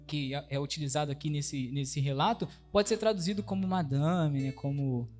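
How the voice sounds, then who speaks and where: A man's voice: a little high, moderate pace, darkish tone, soft background music. A man with a Brazilian Portuguese accent preaching a conversational sermon, often asking the congregation questions. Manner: chatty, asks the congregation questions, many tag questions.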